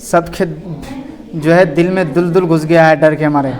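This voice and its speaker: A man's voice: fairly high pitch, steady tone, moderate pace, a little mellow. A man who teaches religion, running a classroom quiz and roll call. He teases and scolds his pupils and calls them "son". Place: classroom with children. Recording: echoey room reverb.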